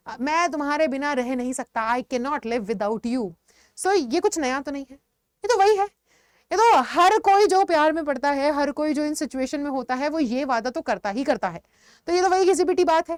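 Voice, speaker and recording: A woman teacher explaining vocabulary in an online lesson, mixing Hindi with words and giving lively examples. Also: sits high, no room sound, studio quality. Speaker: English teacher.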